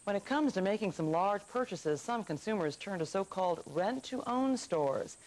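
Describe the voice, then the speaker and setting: A woman's voice: mid-range voice, animated, moderate pace, a little mellow, rough recording. A woman anchoring television news, reading scripted items and putting questions to a guest.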